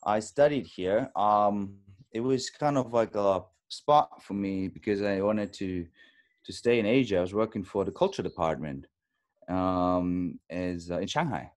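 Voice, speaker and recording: German man in his thirties, halting. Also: deep voice, darkish tone. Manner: thoughtful, halting, many fillers. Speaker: actor guest. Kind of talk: casual interview on video call.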